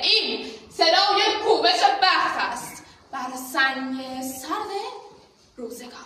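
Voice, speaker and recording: A very echoey, distant recording of a woman in full naqqali storytelling style. Her high, bright voice declaims an epic theatrically, drawing out words and sometimes half-chanting the verse. The delivery swells between hushed and forceful. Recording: very echoey room, distant mic, faint noise.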